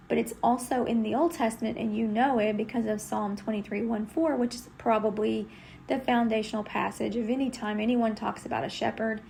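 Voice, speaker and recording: Woman teaching the bible, kinda high voice with some gravel, chatty and earnest. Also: a little mellow, slight background noise. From Texas. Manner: earnest, conversational, with fillers. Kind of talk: devotional teaching.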